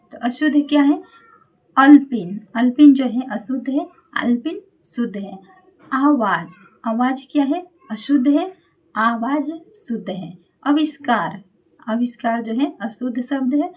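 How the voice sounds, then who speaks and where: A woman with a slightly high voice teaches a grammar lesson in a patient classroom manner. She goes over each point more than once, sounds words out syllable by syllable and keeps checking in with her listeners before moving on. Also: darkish tone. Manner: repeats key points, checks in with "ठीक है" often.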